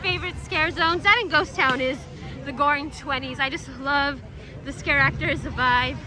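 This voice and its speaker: Woman vlogging on a phone video amid loud crowds. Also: sits high, moderate pace, music in the background, crowd noise. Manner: upbeat, chatty, laughs often. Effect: phone video recording. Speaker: vlog host. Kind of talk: casual vlog chat walking through a theme park. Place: outdoor theme park at a Halloween event. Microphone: filmed on her phone.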